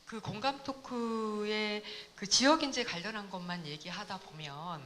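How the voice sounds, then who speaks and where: Bright-voiced woman giving an opening address. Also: medium pitch, a little slow, a little hiss or hum. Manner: rambling with fillers and restarts. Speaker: education support center director. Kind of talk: opening address at a community forum.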